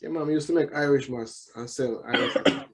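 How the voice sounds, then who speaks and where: Male interview guest, Jamaican accent, medium pitch, thoughtful and halting delivery with repeated words, casual talk. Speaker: musician guest.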